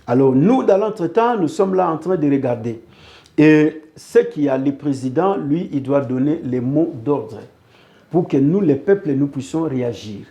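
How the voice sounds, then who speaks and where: In a muffled recording, a political interview guest from Congo (DRC) talks at a moderate pace in a fairly high, mellow voice with lively intonation. He speaks earnestly, repeating phrases to push his arguments.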